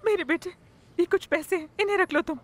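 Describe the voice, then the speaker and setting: A woman's voice: extremely high pitch, fairly quick. A woman voicing an anguished mother who pleads and weeps for her son in a film dub. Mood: tearful pleading. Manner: tearful, pleading. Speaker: dubbing voice actor. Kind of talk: Urdu film dub acting.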